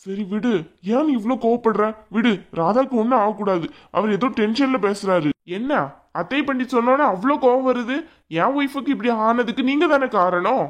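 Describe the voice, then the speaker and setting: A man's voice: extremely high pitch, moderate pace, dull audio. A man voicing an earnest young husband in a cartoon drama, pleading and indignant by turns. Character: young husband defending his wife, earnest. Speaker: cartoon voice actor. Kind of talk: Tamil cartoon drama dialogue.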